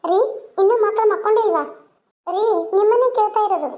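High, pleading young wife. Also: female voice, quick pace, lo-fi sound. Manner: tearful, imploring.

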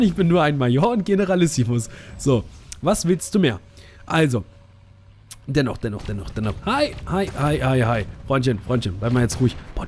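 A man's voice: fairly high pitch, darkish tone. A young man casually commenting on a tank game he is playing, joking, teasing opponents and repeating words in a sing-song way. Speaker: gaming streamer. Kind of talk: casual let's play commentary.

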